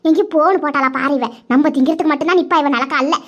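Gossipy greedy village woman , woman voicing, very high and rapid. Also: fairly bright tone, muffled recording. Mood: eager. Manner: chattering, scolding gossip.

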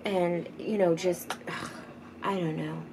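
Slow-talking woman chatting over makeup. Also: on the low side, fairly even intonation, creaky. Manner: chatty, rambling, often drops to a soft murmur. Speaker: beauty vlogger. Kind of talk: casual makeup tutorial chat. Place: home. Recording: noticeable background noise. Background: teenager gaming loudly in the background.

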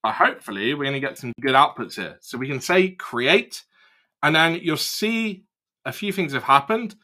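A young man casually walking through a software demo, explaining each step as he clicks. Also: on the high side, animated, normal speed. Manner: casual, explanatory, thinks aloud while clicking. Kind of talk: screen-recorded product walkthrough.

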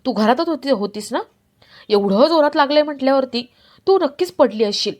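An earnest young son, pleading and sincere, voiced by a woman narrating a serial. The voice stays in her own fairly high register. There is little attempt at a male sound. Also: animated, brisk, darkish tone.

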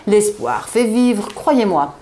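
A woman reading aloud, voicing a jovial chubby male undertaker with cheery, booming salesman patter. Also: lively intonation, slow, a little mellow. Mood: enthusiastic.

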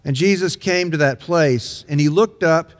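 Older male preacher at a pulpit mic, earnest and measured, a touch high, long church reverb. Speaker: interim pastor. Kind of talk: sermon. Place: large church sanctuary, indoors. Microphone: pulpit microphone. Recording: long reverb of a large sanctuary.

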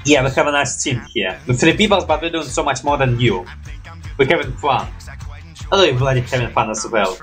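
Medium in pitch, a little fast and a bit bright, a young man reacts casually to animations for his reaction video, recorded in a small room at home. He rambles hesitantly in non-native English and swears mildly out of habit. Faint music sits behind him.

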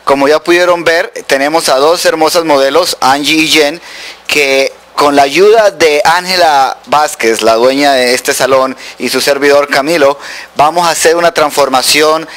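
A man in his thirties hosting a fashion segment in a hair salon, talking into a handheld mic and pausing with fillers and restarts. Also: a little high, a bit bright. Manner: hesitant, many filler sounds and restarts. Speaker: TV host and stylist. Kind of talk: fashion commentary. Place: hair salon with brick walls, indoors.

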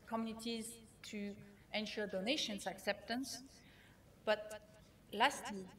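Non-native English-speaking woman, keynote speaker, slightly high voice, measured with filler pauses. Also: fairly bright tone. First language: not English. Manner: measured, with frequent fillers and restarts. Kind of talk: conference keynote talk.

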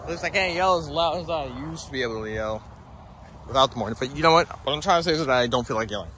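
A man vlogging outdoors near the woods in a rough morning voice, bantering, grumbling and joking as he talks. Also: fairly high pitch, expressive, rapid-fire, sharp tone, slight background noise. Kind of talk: casual outdoor vlog chat.

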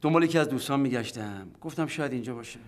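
A man's voice: mid-range voice, lightly acted. A man playing a chummy old school friend. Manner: pleading, then chummy. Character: sociable man back from studying abroad. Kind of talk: sitcom acting.

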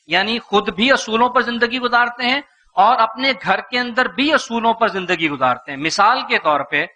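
A man lectures a live audience as a motivational speaker, asking rhetorical questions and drawing the listeners in. His voice sits high and sounds very bright and cutting. He acts out what parents say to make his points.

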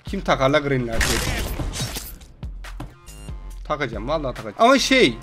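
A young man with a Turkish accent giving loud, swearing gameplay commentary with frequent outbursts. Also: mid-range voice, big pitch swings, normal speed, over music. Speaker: gaming video host.

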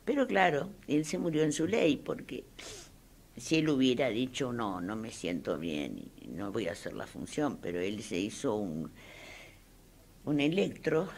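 An older woman with an Argentine accent recalls her past in an interview. Her voice is gravelly and her pitch swings widely as she talks. Faint noise sits behind her. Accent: Argentine Spanish. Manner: emphatic, expressive storyteller. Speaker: interviewee, actress. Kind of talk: interview reminiscence.

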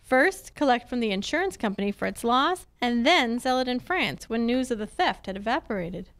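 In a live, on-stage old-time radio drama, a woman voices a wry and confident female private detective, reading from a script into a handheld-style mic on a stand. She explains things assuredly in a fairly high, slightly bright voice with lively intonation at a normal pace.

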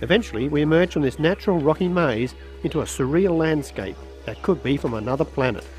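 Travelogue presenter, male, Australian, scripted narration in a higher register over background music. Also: expressive, a little fast, a little mellow, rough recording. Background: music under voice-over.

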